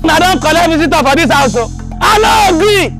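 A man with a Nigerian Pidgin English accent playing an angry man demanding his savings-group money, shouting threats and then softly apologising. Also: very high-pitched, animated, a little fast. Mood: furious. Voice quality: loud and insistent, then pleading. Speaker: skit actor. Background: music.

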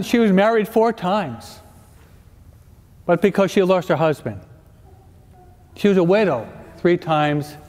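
A man's voice: sits high, darkish tone. A man giving a parish talk as a priest, mixing jokes with teaching and often checking in with his audience. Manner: joking, keeps checking the audience with questions. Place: large church. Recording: echoey church with long reverb.

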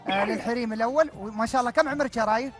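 A man's voice: very high-pitched, rapid-fire, fairly bright tone, faint music behind. A man with an Emirati accent hosting a live call-in quiz show, joking and teasing the callers.

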